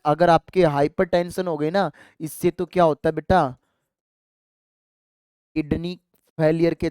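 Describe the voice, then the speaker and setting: A biology teacher runs an exam-prep lesson, asking the class questions and answering them, then repeating key terms as drills. The voice is smooth and clear. The sound is dry and close, with no room echo. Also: mid-range voice, a little mellow. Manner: asks students rhetorical questions and answers them; calls students affectionately "child" and "dear kids".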